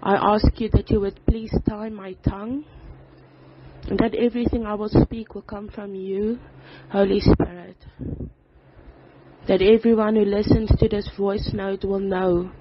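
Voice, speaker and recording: A person recording a voice note on a phone, praying and then telling their life story in an earnest, halting way with pauses and fillers. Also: medium pitch, little pitch movement. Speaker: person giving a testimony. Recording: slightly dull voice note with faint background noise.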